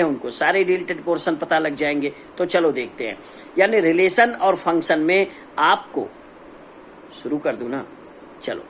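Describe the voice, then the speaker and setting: A man's voice: sits high, a bit bright, a little hiss or hum. A man with an Indian accent, a young adult maths teacher giving a casual exam-prep lesson, chatty and teasing, asking students' questions himself.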